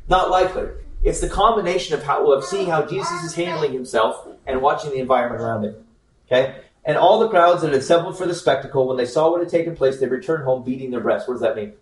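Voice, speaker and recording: Man, slightly high voice, relaxed joking Bible teacher, recorded off-mic in a roomy hall. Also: quick pace, recorded from a distance, slight background noise. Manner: informal, joking, checks in with frequent "okay?". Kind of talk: conversational Bible teaching to a group. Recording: echoey room, speaker away from the mic.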